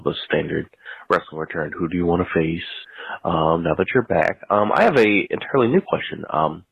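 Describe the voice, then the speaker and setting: Brief: deep-voiced male caller, wide pitch swings, joking voicemail over a phone line. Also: gravelly, breathy edge, no room sound. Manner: joking, meandering question with fillers. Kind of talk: casual recorded voicemail.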